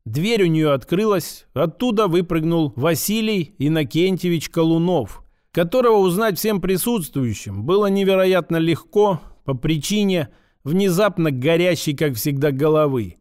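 A man narrates an audiobook with expressive, wry delivery, and his voice sits a little higher than most men's. The reading is steady, with colour and irony. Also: normal speed, clean tone, dry recording, studio quality. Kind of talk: scripted narration.

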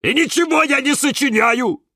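A man voicing a frantic young male cactus who shouts and wails for help in a storybook. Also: medium pitch, moderate pace, creaky, no room sound, studio quality, distant mic, pitched above the performer's own voice. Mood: frantic shouting.

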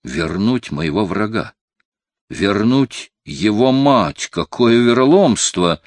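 Imperious aging cardinal with a temper, voiced by a male audiobook reader; low, dry, loud indignant flares. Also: expressive, slow pace, dry recording. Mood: furious. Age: 50s. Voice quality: flaring into loud indignant outbursts. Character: imperious aging cardinal, proud, quick to anger. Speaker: audiobook reader voicing a character. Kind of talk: audiobook character reading.

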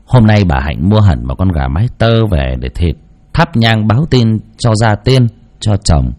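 A man narrating a heartfelt village story in slow, scripted storytelling. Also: lowish voice, big pitch swings, a little mellow.

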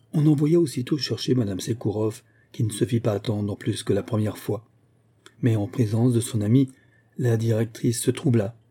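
A man reads a novel aloud in measured, even narration. His voice is very dark and mellow, with a husky grain. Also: medium pitch. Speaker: audiobook reader. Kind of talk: scripted narration.

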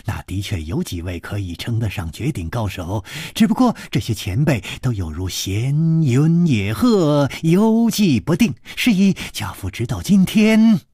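Li Yuhan, a man doing a smooth-talking scheming host. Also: medium pitch, big pitch swings, no echo. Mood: courteous. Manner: soft, courteous, chuckling, drawn-out. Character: polite scheming young male host, smiling. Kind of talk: traditional storytelling performance.

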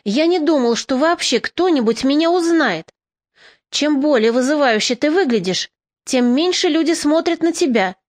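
A woman's voice: sits high, expressive, moderate pace. A woman reading an audiobook, voicing a frightened man disguised as a woman who pleads in a trembling way. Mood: pleading. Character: frightened cross-dressed man posing as a woman.

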